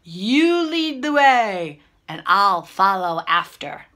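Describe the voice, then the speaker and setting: A big, hungry, gullible storybook monster, acted out by a woman, speaking very slowly. Each word is stretched and deliberate. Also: mid-range voice, very animated, voice pushed down, exaggerated voice. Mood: amazed, drawling. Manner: drawn-out, deliberate words, sometimes hushed. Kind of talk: children's storybook read-aloud.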